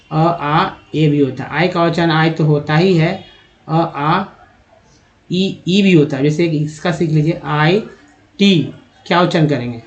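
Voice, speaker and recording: A man with a fairly high voice teaches English reading step by step, spelling out letters and repeating each word patiently. He talks to viewers as friends and fills pauses with hesitations. The recording sounds dull and muffled. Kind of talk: spoken lesson on reading English words.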